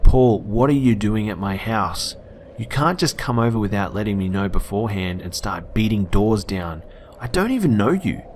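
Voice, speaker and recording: A man's voice: lowish voice, lively intonation, moderate pace, a little mellow, a little hiss or hum, lightly acted. A man voicing a panicked young woman who swears and raises her voice at an intruder. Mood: indignant. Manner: frantic, swearing, raising voice.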